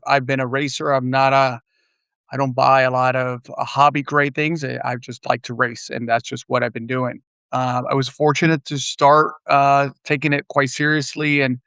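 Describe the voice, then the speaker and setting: Podcast guest: middle-aged man from Puerto Rico, gravelly and flat, measured, dry remote sound. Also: medium pitch, dry recording. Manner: measured, frequent "uh" pauses. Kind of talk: casual interview chat. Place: remote, virtual studio.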